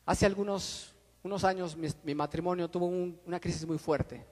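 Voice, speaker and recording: A middle-aged man preaching a sermon, swinging between loud and soft and calling his listeners brother. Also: high-pitched, steady tone, moderate pace, in a large hall. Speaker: pastor. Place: church.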